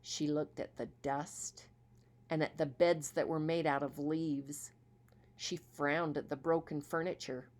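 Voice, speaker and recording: A woman reading a children's story aloud as storyteller, expressive and asking the young listeners questions. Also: low-pitched, measured pace.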